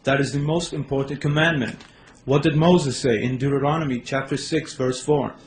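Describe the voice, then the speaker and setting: A man from Los Angeles giving his first public debate presentation, a little nervous and hesitant, rushing ahead in bursts. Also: medium pitch, steady tone. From Los Angeles, United States. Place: debate hall. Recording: echoey hall, faint background noise.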